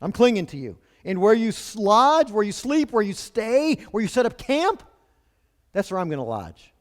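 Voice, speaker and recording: Lively high-voiced male preacher. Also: normal speed, long reverb tail. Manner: conversational, asking rhetorical questions. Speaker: pastor. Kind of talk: sermon.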